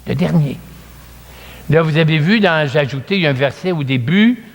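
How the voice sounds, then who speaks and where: A man with a Québécois accent preaching a storytelling sermon, animated and chatty, acting out the scenes, in an echoey church hall. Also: fairly high pitch, normal speed.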